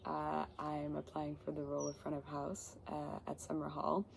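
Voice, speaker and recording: Low, gravelly young woman. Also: monotone, normal speed, a little hiss or hum. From Ireland. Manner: chatty, enthusiastic, many fillers. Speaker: job applicant. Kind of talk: self-recorded application video. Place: garden outdoors.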